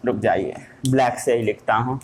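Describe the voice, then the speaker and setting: A man's voice: medium pitch, moderate pace, slight background noise. A man teaching a lesson, asking questions and answering them himself in a playful way. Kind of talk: classroom lesson.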